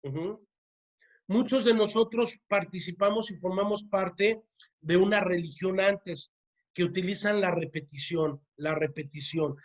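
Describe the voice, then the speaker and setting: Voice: mid-range voice, a little slow, dull audio. A church teacher leading a parenting class, who often checks in with the listeners and repeats key words to drive them home. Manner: keeps asking the audience "¿sí?", repeats key words.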